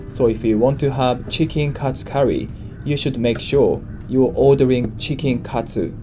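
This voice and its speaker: Japanese-accented man hosting a food vlog. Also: medium pitch. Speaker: vlog host. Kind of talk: casual food vlog narration.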